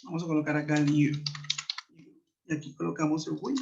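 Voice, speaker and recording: A man teaching an online class, explaining patiently, checking in with his students and reading example sentences slowly. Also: fairly high pitch, little pitch movement, vocal fry, noisy background. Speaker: English teacher. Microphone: computer mic on a web conference. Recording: muffled web-conference audio.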